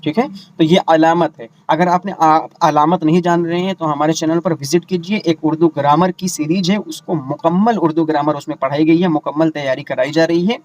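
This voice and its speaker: A man teaching an online exam-prep lesson. He explains terms slowly, repeats them with English equivalents and asks the students rhetorical questions. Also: on the high side, fairly even intonation, a little mellow, dull audio.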